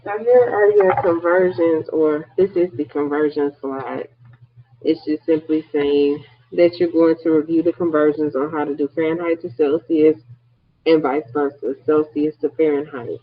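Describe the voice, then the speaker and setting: Male nursing instructor, online lecture, husky high voice, explanatory with light humor, tinny lo-fi sound. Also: fairly even intonation, moderate pace. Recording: tinny phone-like audio.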